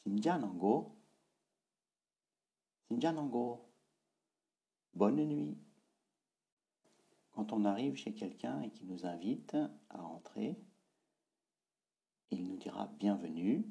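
A man giving a spoken language lesson, slowly repeating words and drilling their tones. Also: fairly low pitch, gravelly, dark tone. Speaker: language teacher.

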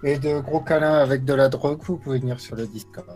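A man co-hosting a casual live stream, teasing the host with deadpan jokes. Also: mid-range voice, fast, faint music behind.

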